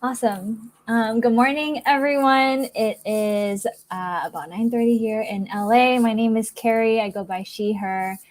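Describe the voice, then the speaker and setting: A filmmaker from Singapore, appearing as a guest speaker, gives an upbeat presentation over a video call to an online audience, talking through slides with many ums. Her voice is a little high, with fairly even intonation and a measured pace, and she hardly pauses.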